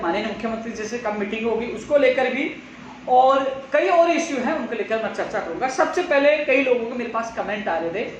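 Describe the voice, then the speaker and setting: A man hosting a live update stream, addressing his followers insistently. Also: sits high. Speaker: host of a live update stream for job seekers. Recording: echoey room, far from mic, faint noise.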